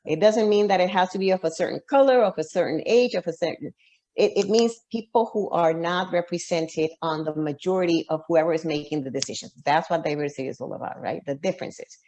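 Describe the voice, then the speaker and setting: A woman with a slightly low voice speaks as an author guest in an interview. She answers at length and thinks aloud, restarting phrases and using plenty of fillers as she works out each point. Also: fairly quick, warm tone. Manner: reflective, with frequent restarts and fillers.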